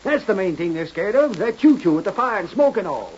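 An actor playing a blunt, urgent frontier sheriff with a folksy drawl in a 1930s radio Western. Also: male voice, sits high, big pitch swings, a little fast. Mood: insistent. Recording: muffled, hissy 1930s radio recording.

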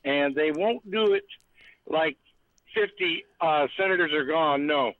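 A male caller on a tinny phone line who rambles on with emphasis and restarts his sentences as he goes. His voice sits a little high for a man, and it sounds dry and narrow. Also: unhurried, no echo. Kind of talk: call-in political rant.

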